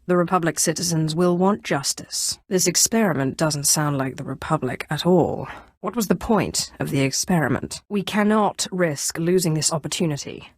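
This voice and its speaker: A woman's voice: low-pitched, normal speed, slightly rough, no echo, clean studio sound. A woman voicing an imperious, sardonic female Sith lord in a video game, speaking with haughty, cool menace. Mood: commanding. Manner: haughty, coolly threatening, dryly sardonic. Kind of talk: video game character voice acting.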